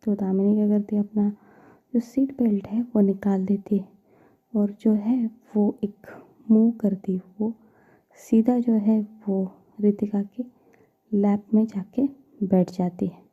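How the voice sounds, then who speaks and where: A woman storyteller narrating a romance story in a soft, often half-whispered way. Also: medium pitch, slightly rough, narrow, tinny audio.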